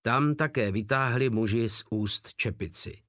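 Brief: male audiobook narrator, mid pitch, dry recording. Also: fairly bright tone, dry recording. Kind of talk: scripted narration.

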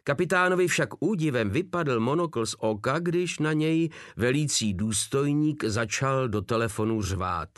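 Brief: male narrator, animated intonation, dry close recording. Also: medium pitch, hardly any pauses, dry recording. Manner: expressive storytelling. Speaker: audiobook narrator. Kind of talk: scripted narration.

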